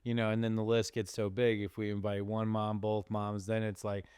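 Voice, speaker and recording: A middle-aged man hosting a podcast, telling a personal story in a casual, animated way and laughing often. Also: fairly low pitch, moderate pace, clear, resonant tone, dry recording, clean studio sound. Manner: animated, laughs often, acts out quoted voices. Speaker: podcast host.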